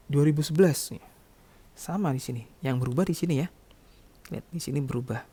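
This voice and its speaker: With a fairly high pitch and a warm tone, this man lectures on accounting. He breaks explanations into steps and often inserts short tag words to check in as he teaches.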